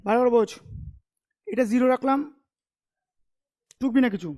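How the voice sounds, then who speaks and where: A very high-pitched male commerce tutor teaches a relaxed, informal classroom lesson, chatting and teasing his students in a familiar tone. His delivery is loose and conversational rather than scripted, and he keeps stopping with quick questions to check they're following.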